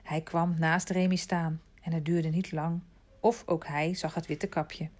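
A woman reading a children's novel aloud as an audiobook, calm and measured, dropping to a hush at quiet moments. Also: low voice. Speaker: audiobook narrator. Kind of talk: scripted storybook narration.

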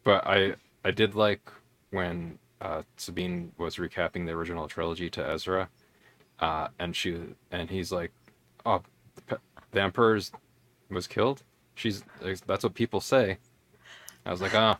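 A man's voice: low voice, steady tone, moderate pace, a bit bright. A man hosting a podcast, chatting casually and drifting into hesitant tangents. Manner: rambling, tangent-prone, hesitant. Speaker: podcast host. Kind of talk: casual podcast recap chat.

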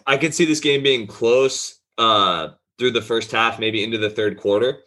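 A man co-hosting a casual sports talk show, energetic and enthusiastic, talking in long runs. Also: mid-range voice, normal speed. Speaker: sports podcast co-host.

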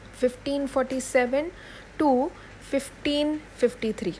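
A woman's voice: on the high side, slight background noise, rough recording. Woman teaching history, spelling names out. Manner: spells out names letter by letter, repeats key points; asks and answers her own questions. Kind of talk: history lesson for exam students.

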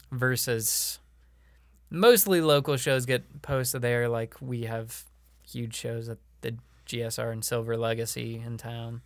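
A man talks loosely on a podcast, circling his point with filler words and quick laughs. His voice is smooth and resonant, recorded close and dry with no room sound. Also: medium pitch, a bit bright, no room sound. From Illinois. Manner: rambling, laughs often, many fillers. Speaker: podcast guest, comedian and show producer. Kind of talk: casual podcast chat.

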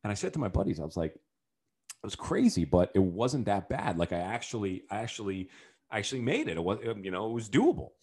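A male podcast host tells a story in a loose, conversational way. His pitch climbs and dips freely as he talks, and he gets animated at the big moments. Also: fairly quick, slightly rough. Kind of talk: storytelling monologue.

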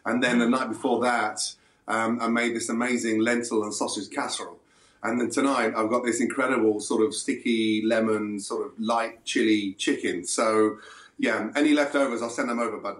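A man's voice: medium pitch, fairly even intonation, moderate pace, fairly bright tone. Man, guest chef, chatty, breezy storytelling, echoey remote line. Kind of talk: remote radio interview.

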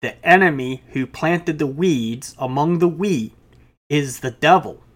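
A man's voice: on the high side, unhurried. A male pastor preaching a sermon, reading scripture aloud and explaining it with casual asides.

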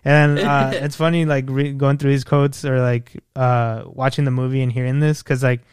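A man's voice: mid-range voice, flat delivery, moderate pace, smooth, dry recording, studio quality. Young male podcast co-host, loose and profane, laughs through his lines. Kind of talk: casual chat about a movie.

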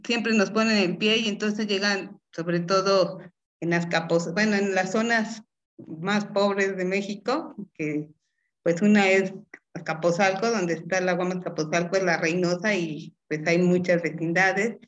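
A woman's voice: mid-range voice, fairly even intonation, unhurried, muffled recording. Woman professor, Mexican Spanish accent, encouraging interview answers, frequent laughs. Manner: warm, encouraging, laughs often, asks "¿sí?". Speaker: chemistry professor.

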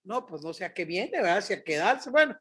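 A middle-aged Mexican woman, a guest prophet, telling a lively faith story on a podcast and acting out the dialogue. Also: on the low side, a little fast. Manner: animated, acts out dialogue.

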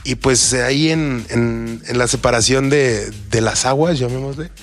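A man's voice: medium pitch, unhurried, soft background music. A man with a Mexican Spanish accent, a guest DJ, chatting casually with a joking, teasing manner. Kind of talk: casual chat.

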